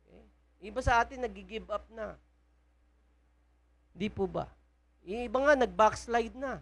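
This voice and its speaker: A woman's voice: a little high, unhurried. A woman with a Filipino accent preaching a sermon in a church, often asking the congregation questions. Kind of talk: sermon mixing Tagalog and English.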